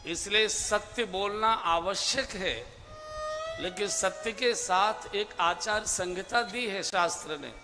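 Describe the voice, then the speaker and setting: A man giving a devotional scripture discourse as a spiritual preacher, measured and emphatic, drawing out key phrases. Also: high-pitched. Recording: long hall reverb with instrumental music behind.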